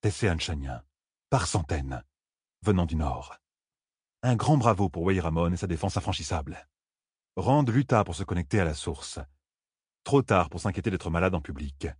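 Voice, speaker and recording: Low husky guy reading an audiobook, dramatic, varies his pitch a lot, dry close mic. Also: lively intonation, normal speed, long pauses, darkish tone, dry recording. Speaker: audiobook narrator. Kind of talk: fantasy audiobook narration.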